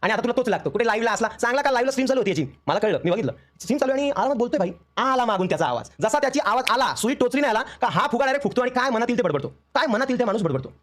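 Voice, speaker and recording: A man's voice: very high voice, big pitch swings, fairly bright tone. A young man, venting on a live stream in an emotional, aggrieved rush. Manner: emotional, aggrieved, rapid storytelling. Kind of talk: heated live-stream rant.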